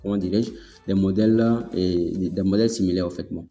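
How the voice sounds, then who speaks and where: A man hosting a casual software tutorial, talking it through step by step, repeating himself and checking in with his listeners. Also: low-pitched, fairly even intonation, fairly quick. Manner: chatty, filler-heavy explaining. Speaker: tutorial host. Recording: echoey room, long reverb, faint music.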